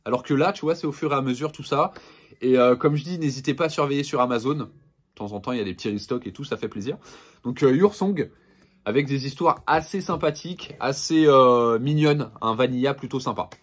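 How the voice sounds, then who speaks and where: A man at a middle pitch, chatting enthusiastically in a casual vlog as he shows off his collection. He hesitates often and restarts his sentences. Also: brisk. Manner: enthusiastic, many fillers and restarts. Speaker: manga collection reviewer. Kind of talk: casual product showcase vlog.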